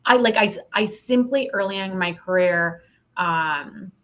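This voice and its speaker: A middle-aged woman, a sales trainer appearing as a guest on a conversational podcast, speaks candidly and emphatically with a wry edge. Her voice sits at medium pitch with a fairly bright tone, and she takes her time.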